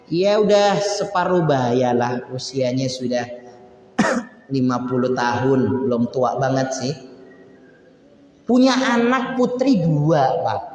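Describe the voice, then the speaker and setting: Male preacher, higher voice, chatty sermon with emphatic peaks, big reverberant mosque hall. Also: a little mellow. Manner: conversational, addresses listeners as Pak, rising to emphatic peaks.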